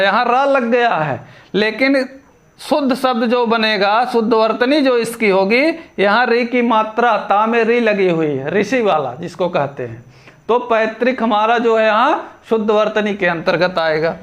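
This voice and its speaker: A man teaching a spelling lesson for exam prep. He asks quiz questions, answers them himself, and repeats each word deliberately. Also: very high-pitched, fairly bright tone. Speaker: Hindi grammar teacher.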